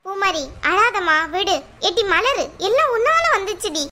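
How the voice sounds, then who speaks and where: A woman's voice: extremely high pitch, animated, normal speed, bright, forceful tone, slight background noise, full character voice. Woman voicing a nagging cartoon mother. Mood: scolding. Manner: nagging, exasperated scolding. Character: scolding middle-aged mother of two daughters. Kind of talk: cartoon voice acting.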